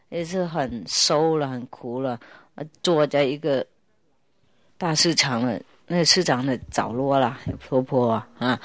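A woman's voice: deep voice, dry recording. Playful woman spiritual teacher, laughing a lot. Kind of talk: casual spiritual talk with storytelling.

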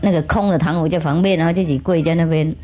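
A woman spiritual teacher telling a funny story to children in an animated, humorous way, with chatty asides. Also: low voice, very fast, lo-fi sound.

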